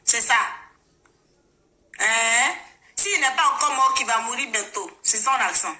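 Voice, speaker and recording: A woman's voice: a little high, expressive, measured pace, pushed and bright. A woman from Togo with a Togolese French accent, talking casually and emphatically on her live stream, rallying people and repeating phrases. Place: living in Germany. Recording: roomy echo.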